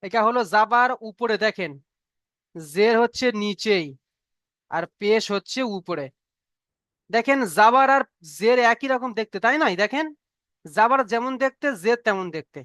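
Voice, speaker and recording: A man with a high, slightly bright voice speaks at normal speed and pauses often, recorded in clean studio sound with no room noise. Teaching an online Arabic reading lesson as a Quran teacher, he repeats each point patiently and frequently asks if the class has understood.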